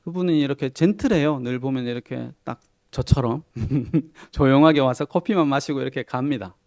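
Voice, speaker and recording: Middle-aged man, pastor, relaxed sermon storytelling, gravelly voice, soft chuckles, quiet asides. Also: mid-range voice, normal speed. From Korea. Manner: chatty, self-deprecating, with soft chuckles and dropping to quiet asides.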